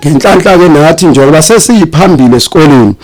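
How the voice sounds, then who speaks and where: A man's voice: on the high side, expressive, fast talker, a little mellow, poor audio. A man with a South African accent and native Zulu, giving a sermon as guest preacher with repetitive, listing phrasing.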